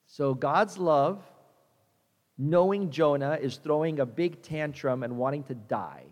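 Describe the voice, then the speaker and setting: A man's voice: on the high side, long reverb tail. A male pastor preaching a conversational sermon, repeating himself and acting out the characters.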